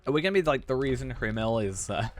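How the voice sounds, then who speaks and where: A man's voice: mid-range voice, expressive, fast talker. A man streaming a game, chatting casually and reading quest text aloud. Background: game music.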